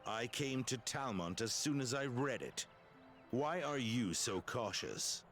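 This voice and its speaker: An actor playing a terse bounty hunter hero in a video game, with stilted, wooden bad acting. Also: male voice, medium pitch, animated, unhurried, a bit bright, soft background music. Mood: terse, demanding.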